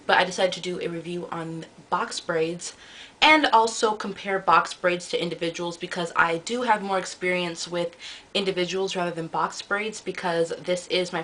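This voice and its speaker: A woman's voice: fairly low pitch, sharp tone, rough recording. A young woman from the United States giving a casual, rambling hair review on her vlog, full of ums and self-corrections. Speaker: beauty vlogger. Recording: faint background noise.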